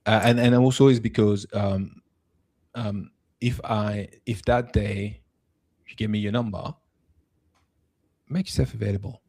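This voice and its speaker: A man's voice: fairly low pitch, fairly even intonation, a little slow, long pauses, a little mellow. A man co-hosting a spiritual talk, giving relationship advice with hesitant fillers. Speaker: co-host.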